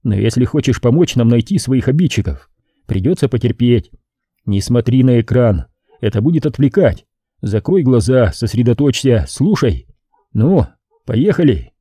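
Calm patient investigator guy, dark husky voice, dry close sound, as a reader does him. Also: mid-range voice, dry recording. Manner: calm, measured.

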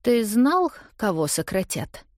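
For an audiobook dialogue, a woman voices an upset young woman confronting her lover, sounding hurt, raised, pleading, and accusing. Her mid-range delivery is sing-song, slow, and a little mellow, pitched above her own voice, in a dry, studio-quality recording.

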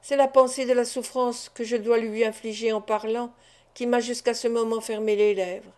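In a storybook reading of a classic novel, a woman reader voices a resolute, anguished wife pouring out an earnest confession. Her fairly high, mellow voice has a warm, soft tone, natural and at normal speed, with fairly even intonation.

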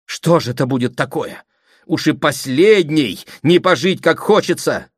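A man's voice: a little high, lively intonation, a little slow, breathy edge, no echo, studio quality, pitched above the performer's own voice. A man doing a reproachful, aggrieved sister. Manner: reproachful, pleading. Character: aggrieved unmarried sister, middle-aged woman. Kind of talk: audiobook reading.

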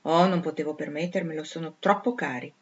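A cool, indifferent gentleman, as a woman reader puts him on. He speaks in short, detached replies. The recording sounds dull and lo-fi. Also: deep voice, fairly even intonation, a little fast, slightly rough. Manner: curt, detached. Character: aloof wealthy man, curt and indifferent.

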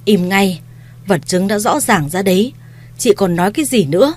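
A woman's voice: mid-range voice, expressive, normal speed, a little mellow, breathy edge. A woman reading a story, voicing a stern elderly matriarch who harshly commands her family. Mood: harsh commanding.

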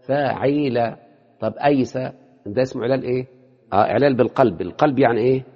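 A man with an Egyptian Arabic accent teaching Arabic morphology, breaking up his classroom lecture with quick questions to his students. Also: medium pitch, breathy edge. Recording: lo-fi with long hall reverb.

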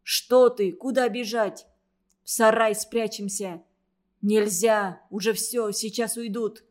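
A woman narrating a wartime story in a steady, measured audiobook reading. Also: medium pitch.

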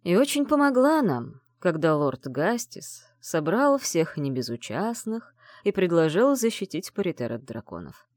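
Gentle old grandfather, read by a woman. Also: lowish voice, big pitch swings, measured pace, dry recording, studio quality, voice pushed up. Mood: sad, tender. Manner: sorrowful, tender storytelling. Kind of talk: audiobook reading.

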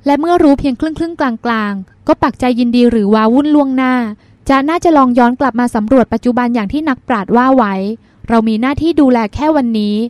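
A woman reading the lines of a calm, wise older sister who soothes and gives advice. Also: sits high, fast talker, few pauses, no echo, lightly acted. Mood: advising. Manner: soothing, advising, gently teasing. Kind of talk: audiobook character reading.

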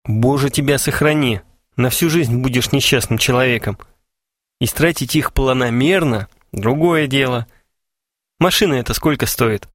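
A man's voice: mid-range voice, moderate pace, a bit bright, no room sound, clean studio sound, close to an everyday voice. A man voicing a cheerful, ironic young man who teases his friends, with a wry, mocking delivery. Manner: wry, teasing. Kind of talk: audiobook character voice.

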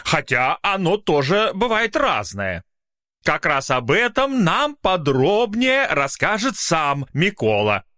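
A man voicing a thin, fussy secretary who hesitates and talks pompously with a high, reedy tone. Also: huge pitch swings, takes it slowly, bright, forceful tone, no echo, studio quality, heavily acted.

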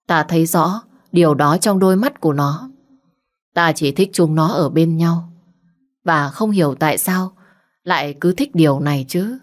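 A woman voicing a stern, lecturing old grandmother in a storybook, in a lowish voice. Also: normal speed, natural voice. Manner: authoritative, lecturing. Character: stern old grandmother, matriarch of a rich house.

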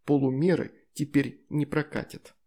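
A man's voice: a little high, steady tone, normal speed, a little mellow. A man voicing a playful, teasing demoness wife and mother in an audiobook story.

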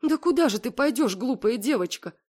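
A distraught mother near tears, her voice pitched high and pleading, as a woman reading a story puts her on. She begs and frets, rising sharply as she speaks, in a storybook reading. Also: lively intonation, moderate pace. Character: tearful pleading middle-aged mother.

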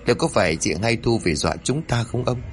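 A man's voice: medium pitch, animated, quick pace, a little hiss or hum, close to an everyday voice. A man doing a frightened village wife. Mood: anxious. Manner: anxious, pleading. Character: frightened middle-aged wife of a rural household.

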